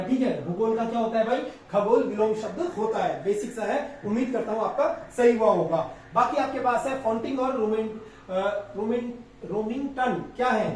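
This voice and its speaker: A man teaching as an exam coach, going over practice test answers and spelling words out slowly, with a filler he repeats often. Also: extremely high pitch, a little mellow. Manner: repetitive, drawn-out spelling of words, frequent filler "thik hai". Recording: very echoey room, distant mic, faint noise.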